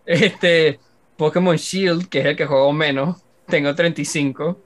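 A man's voice: a little high, steady tone, unhurried. Casual Venezuelan young man. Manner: rambling, listing game hours with laughs. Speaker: podcast co-host. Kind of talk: casual chat.

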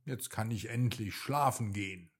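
A man voicing a small, brave young rabbit in a bedtime story, with excited, fretful exclamations. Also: fairly low pitch, moderate pace, slightly rough. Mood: fretful, eager.

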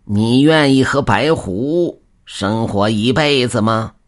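A man voicing a sinister old Taoist priest in an audio story, speaking slowly and menacingly with drawn-out words. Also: mid-range voice, natural voice. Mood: grave.

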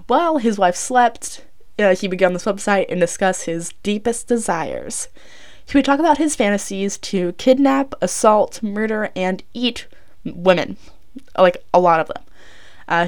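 A young woman recorded inside a closet, telling true crime stories casually as a podcast host, informal and often tripping over and correcting her words. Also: medium pitch. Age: young adult.

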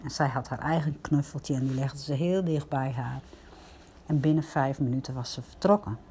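An older woman, a grandmother, gently telling viewers a personal story in a reflective, casual way. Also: very deep voice, moderate pace, a little hiss or hum.

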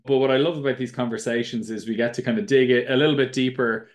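A man's voice: mid-range voice, steady tone, fast talker. A man hosting a podcast interview, asking conversational questions in a friendly way. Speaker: podcast host.

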